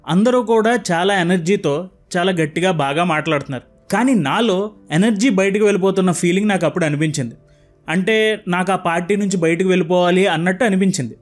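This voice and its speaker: A young man narrating a book summary in an earnest, reflective way, asking calm rhetorical questions. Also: sits high. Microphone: close microphone.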